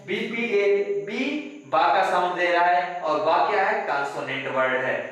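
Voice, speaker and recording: A man's voice: high voice, fairly bright tone. A man teaching a grammar lesson step by step, spelling words letter by letter and asking rhetorical questions. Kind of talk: classroom-style grammar lesson. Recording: very echoey room, voice from a distance.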